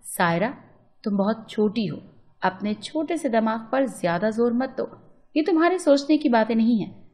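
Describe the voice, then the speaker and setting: A woman's voice: a little high, expressive, moderate pace, darkish tone, lightly acted. A woman reading as a stern, scolding mother. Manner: curt, scolding. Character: stern, secretive middle-aged mother.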